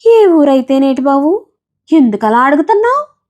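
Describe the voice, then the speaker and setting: A woman's voice: sits high, big pitch swings, normal speed, voice pushed up. A woman doing a weary peanut-selling village woman. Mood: weary, resigned. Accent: coastal Andhra village dialect. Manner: shouting street-vendor calls, weary dialect speech.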